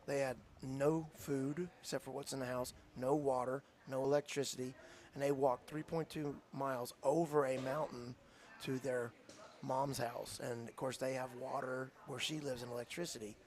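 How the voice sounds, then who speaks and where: A man's voice: medium pitch, little pitch movement, moderate pace, a little mellow. A man, a football coach telling an earnest, heartfelt story in a radio interview. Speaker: high school football coach.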